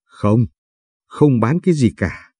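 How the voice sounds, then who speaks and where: A man's voice: medium pitch, animated, takes it slowly, warm tone, breathy edge, dry recording, clean studio sound. A man voicing a desperate, indebted middle-aged mother who begs her child through tears. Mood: pleading. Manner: begging, weepy pleading.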